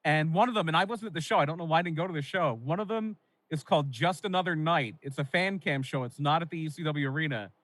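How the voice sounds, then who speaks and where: Slightly high-voiced man chatting wrestling. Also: fast, a bit bright, rough recording. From Pennsylvania. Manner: rambling, nostalgic storytelling with fillers. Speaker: podcast co-host. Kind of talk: casual wrestling podcast chat.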